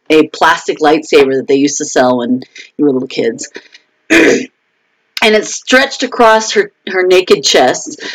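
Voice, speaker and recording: A woman's voice: on the low side, poor audio. A woman author chatting casually on her own live video stream, talking through frustrations with fillers and restarts.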